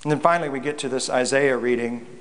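A man's voice: medium pitch, fast, a bit bright, a little hiss or hum. A man, a pastor, preaching a reflective sermon in a church, often repeating words as he goes.

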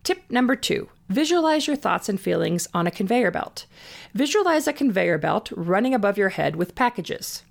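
A woman with a medium-pitched voice presents scripted advice straight to the listener. She sounds upbeat and organized, setting out her points neatly. Key words get stretched for emphasis. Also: sing-song, normal speed, gravelly. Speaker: host giving self-help advice on anxiety and mindfulness. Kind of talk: scripted advice narration, tips addressed to the listener.

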